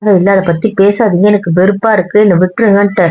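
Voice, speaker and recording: A woman argues with her partner in a hurt, tired, lecturing tone, at a middle pitch. The recording sounds dull and lo-fi. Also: fairly even intonation, fast talker. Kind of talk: couple's argument vlog.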